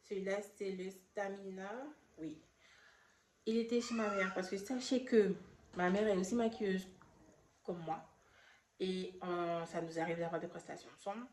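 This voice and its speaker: Slow, chatty French woman in an echoey room. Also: mid-range voice, a little mellow. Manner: chatty, hesitant, stumbles over product names. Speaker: beauty vlogger and makeup artist. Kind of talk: casual product haul chat. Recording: echoey room, faint background noise.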